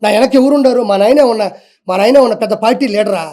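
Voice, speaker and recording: A man with a strikingly high voice tears through a heated, defiant rant as an interview guest. He talks fast and drives each point home by repeating it, challenging anyone to prove him wrong. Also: mellow. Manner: fiery, defiant, repeats for emphasis.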